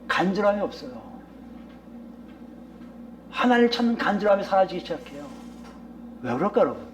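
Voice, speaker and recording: Male pastor, sermon, high pitch, rhetorical questions, loud-then-soft delivery, faint background hum. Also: big pitch swings, brisk. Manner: swings between raised emphatic lines and quiet low asides. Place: church sanctuary.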